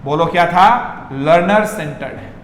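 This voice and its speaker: Energetic man teaching with echo. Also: on the high side, measured pace. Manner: energetic, keeps asking the class to repeat words. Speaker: English teacher. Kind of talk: online lesson in Hindi mixed with English. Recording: echoey room with long reverb and faint noise.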